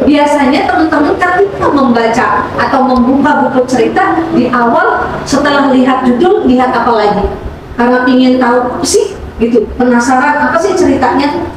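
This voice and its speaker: A high-pitched woman teaches in a conversational, questioning way. She is picked up from a distance in a very echoey room, with clear noise around her. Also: animated, fairly quick. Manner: asks questions and checks understanding with tags. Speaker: teacher leading a class. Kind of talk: interactive classroom lesson, conversational.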